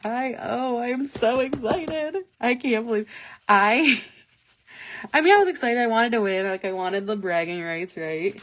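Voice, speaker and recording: Chatty, excitable woman on a live stream. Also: medium pitch, a little slow. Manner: chatty, excitable, lots of "like" and laughter. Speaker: planner stencil shop host. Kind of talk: casual live-stream chat. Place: office. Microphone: live-stream webcam mic.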